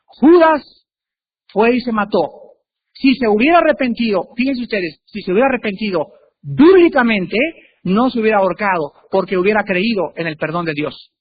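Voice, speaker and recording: A male preacher giving a sermon, emphatic, with sudden swings in pitch and loudness. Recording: tinny phone-like recording with faint hiss.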